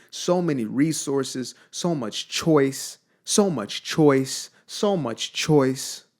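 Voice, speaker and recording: A man's voice: fairly high pitch, darkish tone. A young man from Zimbabwe giving an emphatic, blunt motivational monologue, repeating phrases for weight. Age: young adult. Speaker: motivational speaker.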